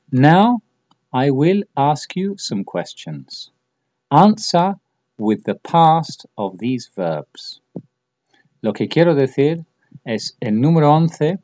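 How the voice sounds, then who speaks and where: Patient male teacher, slow and lively. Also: medium pitch, no room sound. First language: Spanish. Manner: slow, patient drilling with repeated examples. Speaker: English teacher. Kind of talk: bilingual language lesson. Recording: dull lo-fi audio.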